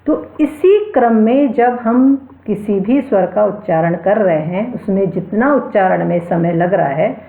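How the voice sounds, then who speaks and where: Slow, deliberate woman lecturing in an echoey room. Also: medium pitch, lively intonation. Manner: spells out sounds and sutras, repeats key terms. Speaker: Sanskrit lecturer. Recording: echoey room over a tinny phone-like line.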